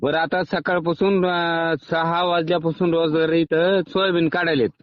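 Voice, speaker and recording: A man's voice: on the high side, level tone, moderate pace. An angry man, threatening and swearing at the other end of a phone call. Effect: over a phone line. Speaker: angry caller complaining about a power cut. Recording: muffled, dry phone call recording.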